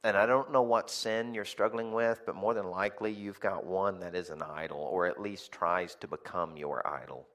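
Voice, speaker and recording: A man's voice: deep voice, steady tone, normal speed, few pauses, fairly bright tone. A man preaching a sermon in a conversational, emphatic way, repeating key phrases and checking in with "okay?" and "right?". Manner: tags lines with "okay?" and "right?". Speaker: pastor.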